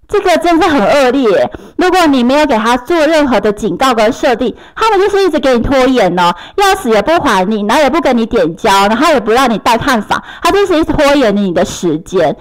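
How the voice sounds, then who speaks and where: A woman's voice: high-pitched, low-quality recording. A woman who is a landlord, telling a story in a casual, exasperated and indignant way with a Taiwanese Mandarin accent, acting out both sides of a quarrel.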